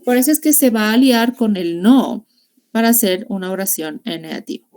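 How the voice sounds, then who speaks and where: A woman's voice: mid-range voice, lively intonation, a little fast. Woman teaching an online class. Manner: explains grammar in Spanish mixing English classroom phrases; warm, encouraging teacher talk with diminutives. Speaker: English teacher. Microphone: video call.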